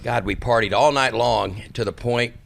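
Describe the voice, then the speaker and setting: A man's voice: mid-range voice, normal speed, gravelly, fairly bright tone, slight background noise. A man chatting casually and telling anecdotes as a podcast guest. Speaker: podcast guest, business owner, former referee.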